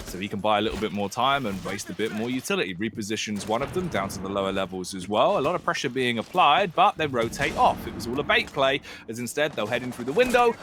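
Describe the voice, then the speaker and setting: A man's voice: on the low side, background noise. A man working as an esports caster, giving fluent, colourful play-by-play commentary on a game. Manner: colourful, fluent descriptions of the action.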